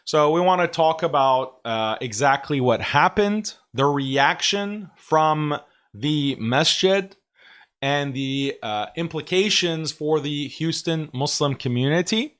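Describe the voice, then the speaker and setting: Hoarse from a cold, a man in his thirties hosts a casual livestream commentary show, addressing viewers with frequent pauses and religious phrases. His voice is a little high, animated, and fairly bright.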